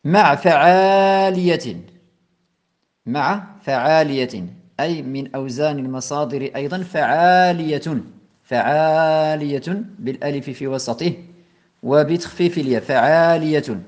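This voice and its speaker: A man giving a lesson on verb forms in classical grammar. He recites each verse, then explains it slowly and patiently. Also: on the high side, darkish tone. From Morocco. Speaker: teacher of Arabic grammar. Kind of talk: lecture explaining a classical poem.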